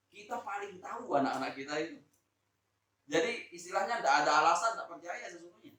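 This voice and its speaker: A man from Lombok giving a Quran exegesis lecture to teachers, shifting between loud emphasis and soft asides, and drawing out Arabic words slowly. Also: high voice. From Lombok, Indonesia. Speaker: Islamic teacher. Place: school hall, indoors. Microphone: phone camera recording. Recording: echoey room, distant phone mic.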